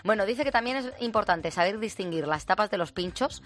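A woman with a Peninsular Spanish accent hosts a casual chat about a news story, mid-pitched and lively. She jokes and laughs often. Faint music plays behind her. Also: brisk. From Spain. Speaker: radio show host.

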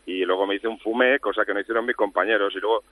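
Cocky low-voiced man, rapid-fire delivery, muffled phone line. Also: steady tone, breathy edge. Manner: brash, cocky, swears a lot. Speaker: phone guest. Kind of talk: joking phone banter.

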